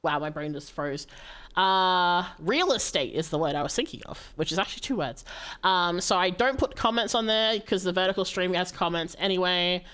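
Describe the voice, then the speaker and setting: A woman livestreamer chatting casually with her viewers while gaming, animated and playfully dramatic, given to exclaiming and pleading. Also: on the low side, moderate pace, clean tone. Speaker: livestreamer hosting a game stream.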